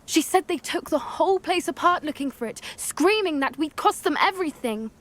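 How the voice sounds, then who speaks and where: A woman's voice: high-pitched, expressive, moderate pace. Poppy, an earnest young witch. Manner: earnest, gentle. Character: earnest young witch who loves creatures. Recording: game audio with faint music.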